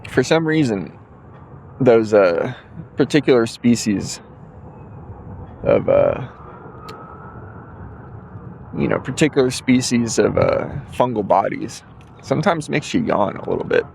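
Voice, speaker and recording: Guy late 20s, yawny and rambly, lots of ums, average pitch, little bit of noise in the back. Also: very animated, a little slow, creaky, long pauses, a little mellow. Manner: rambling, full of fillers, yawning. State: drowsy, yawning. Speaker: podcast host. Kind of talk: casual solo podcast monologue.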